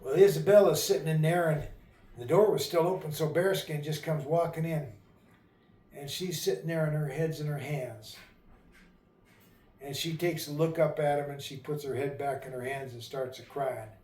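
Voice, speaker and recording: A man's voice: on the high side, steady tone, moderate pace, darkish tone. A man telling a folk tale in a folksy, drawling storytelling manner. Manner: folksy, rural dialect, drawling asides. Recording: echoey room, voice a bit far from mic.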